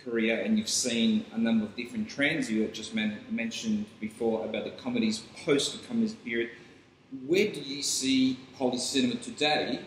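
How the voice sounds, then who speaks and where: A man's voice: mid-range voice, fairly even intonation, moderate pace. A man working as an interviewer, putting questions politely to a guest. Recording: echoey room, faint background noise.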